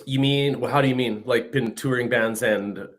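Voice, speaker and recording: A man's voice: mid-range voice, moderate pace. A man in his fifties from northern Saskatchewan, a guest musician chatting casually over a video call and often adding "you know what I mean". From Canada, northern Saskatchewan. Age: 50s. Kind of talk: casual interview chat. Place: home room, video call. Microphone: video call mic.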